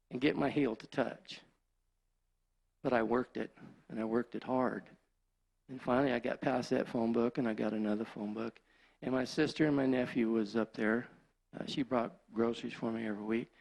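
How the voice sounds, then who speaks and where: A man's voice: mid-range voice, creaky. An older man, a church deacon, telling his personal testimony in plainspoken, emotional country storytelling.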